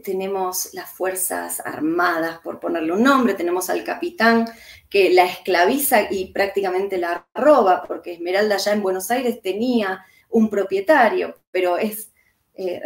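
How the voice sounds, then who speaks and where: A woman's voice: mid-range voice, creaky, roomy sound. A woman from Argentina, an author and historian, speaking with an Argentine accent in a reflective interview, thinking aloud with frequent hesitations. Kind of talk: interview conversation.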